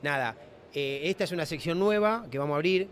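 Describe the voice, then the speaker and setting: A man hosts a relaxed chat, his voice slightly high for a man. He talks in a loose, rambling way, restarting his phrases often. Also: fairly quick, a little hiss or hum. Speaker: host. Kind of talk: casual interview chat. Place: trade fair floor.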